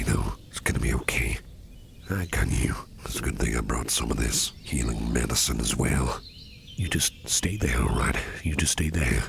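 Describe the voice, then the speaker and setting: A caring businessman boss, acted by a man for an ASMR roleplay, speaks in an extremely deep, heavily creaky murmur that often slips into whisper. He is gentle, protective and reassuring, taking his words slowly. Clear background noise sits behind the voice. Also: heavily acted. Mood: worried, reassuring. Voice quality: breathy near-whisper with gravelly fry. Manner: tender, slow, reassuring murmur. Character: Grimwald, gentle protective businessman boss comforting an exhausted employee. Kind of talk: ASMR roleplay, soothing personal attention.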